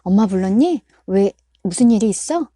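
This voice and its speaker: A woman's voice: medium pitch, animated, normal speed, dry recording, clean studio sound, natural voice. A woman voicing an exasperated mother who scolds her son. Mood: gentle. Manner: sharp, raised scolding.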